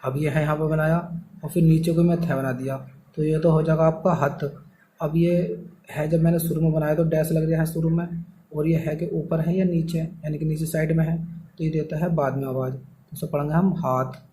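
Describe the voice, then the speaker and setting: A man's voice: a little high, flat delivery, moderate pace, mellow, slight background noise, low-quality recording. A man teaching a shorthand lesson step by step, explaining patiently and answering his own questions.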